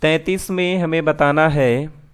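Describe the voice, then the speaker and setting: A man's voice: a little high, steady tone, measured pace, clean tone, no room sound. A man teaching an exam-prep lesson who asks his students questions and then answers them himself.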